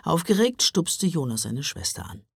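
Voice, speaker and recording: A man narrating a children's story in an expressive, storybook manner. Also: fairly high pitch, normal speed, creaky, breathy edge, dry recording, studio quality. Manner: expressive, wide-ranging delivery.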